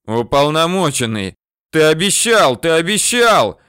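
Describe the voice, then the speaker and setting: A cowardly bandit begging to be spared, as a male reader acts him out, his pleas pitched high and yelled in a panic. The slow, smooth reading sounds close and dry. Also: sing-song, no room sound. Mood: indignant. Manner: high panicky pleading shouts. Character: cowardly young bandit, man, pleading.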